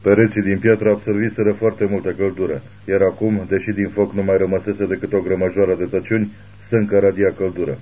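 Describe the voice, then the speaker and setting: A man narrating a thriller audiobook in a steady, grave reading. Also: low-pitched, hardly any pauses, breathy edge, lo-fi sound.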